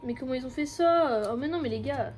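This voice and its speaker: A young woman from France, a university student and vlogger, chats casually in a vlog, using slang, mocking herself, and slipping in English words. Her French accent comes through in a high-pitched, darkish voice at a slightly fast pace, with a little hiss or hum.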